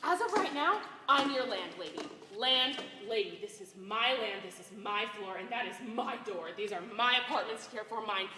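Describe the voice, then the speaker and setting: An angry landlady played by a woman on stage scolds and demands rent in a high voice. She is a bossy aunt figure, heard from far off in an echoing hall with some background noise. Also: lively intonation, normal speed, few pauses, lightly acted. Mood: angry, demanding. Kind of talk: stage play acting. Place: large indoor hall, school play performance. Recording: roomy echoing hall, distant mic, noisy.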